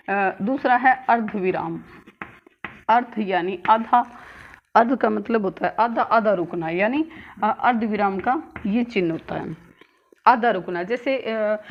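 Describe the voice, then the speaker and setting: A woman teacher giving a grammar lesson, speaking slowly and repeating key words with frequent filler sounds. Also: medium pitch. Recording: dull lo-fi sound with faint noise.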